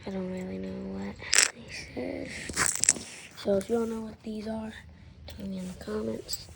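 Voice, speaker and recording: A woman casually narrating a hands-on unboxing in halting phrases, with heavy breathing between them. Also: mid-range voice, vocal fry. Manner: flat, halting item-by-item delivery. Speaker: fishing tackle unboxing vlogger. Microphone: phone held very close, at times in the mouth. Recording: noisy handheld phone with rustling packaging. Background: crinkling packaging, clicks and noise.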